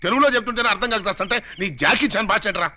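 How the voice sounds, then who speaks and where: Brief: a scolding, mock-dignified thief elder, fast and high. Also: male voice, pushed and bright. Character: pompous elder of a thief clan. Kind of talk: Telugu film comedy acting.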